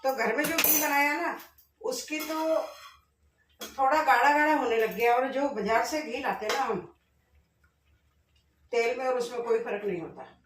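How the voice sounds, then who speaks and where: A middle-aged woman cooking in her home kitchen, chatting directly to her viewers and speaking loudly on purpose. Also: high voice, unhurried, long pauses, far from the mic, over music. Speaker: vlogger. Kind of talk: casual cooking vlog. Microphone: camera set up at a distance. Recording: echoey kitchen, voice off-mic.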